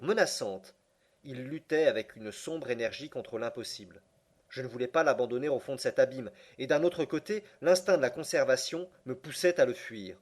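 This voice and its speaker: A man narrating an audiobook in a measured, even way. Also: medium pitch. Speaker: audiobook reader. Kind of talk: scripted narration.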